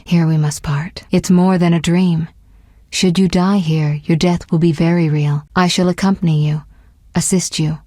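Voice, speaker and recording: In fantasy video game voice work, a woman plays a composed sorceress in a fairly low voice, grave in mood. The character is articulate, measured, caring but resolute, with a sharp wit and earnest phrasing. The studio sound is clean with no echo and very little room sound, and her delivery stays close to an everyday voice.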